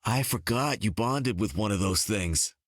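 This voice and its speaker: An actor voicing Hawkeye, a wisecracking archer with a casual, quippy way of talking. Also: male voice, on the low side, animated, a little slow, dry recording, studio quality.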